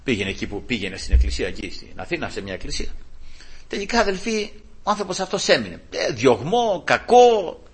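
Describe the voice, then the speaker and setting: Animated husky-voiced male preacher. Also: mid-range voice. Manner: storytelling, exclaims praise and quotes scripture. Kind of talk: sermon.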